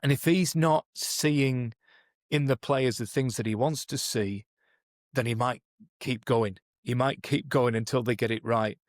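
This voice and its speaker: Speaking a touch slowly in a clean, echo-free studio, a medium-pitched man explains coaching methods. He co-hosts a podcast as a performance coach, speaks English as his first language, and is thoughtful and chatty, frequently restarting sentences and dropping in "you know."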